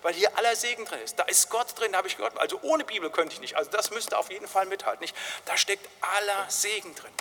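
A man's voice: high voice, expressive, quick pace, few pauses, sharp tone. A man preaching a sermon as pastor, in a chatty manner that keeps asking "nicht?" and sometimes acts out a crying baby. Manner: conversational preaching, frequent tag "nicht?". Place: church. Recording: long hall reverb.

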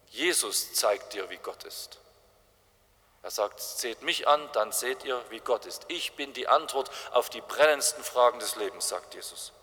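A man's voice: mid-range voice, a bit bright. A man preaching an evangelistic sermon, telling stories with strong emphasis. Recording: long reverb of a large hall.

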